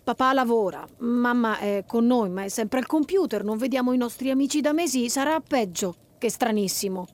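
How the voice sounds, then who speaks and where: A woman's voice: fairly high pitch, normal speed, hardly any pauses, a little mellow, natural voice. A woman voicing a sulky, frightened young boy in a read-aloud children's story, anxious and whiny. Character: scared, sulky young boy, the older brother.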